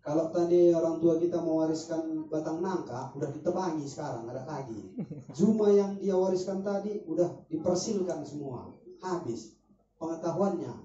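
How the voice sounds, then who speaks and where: A man talking at a casual group discussion, walking through his ideas with spoken examples. His voice sounds dark and mellow. He is picked up from across an echoey room on a dull, muffled recording. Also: on the high side, normal speed, recorded from a distance. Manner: explanatory, illustrates points with spoken examples. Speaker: discussion speaker.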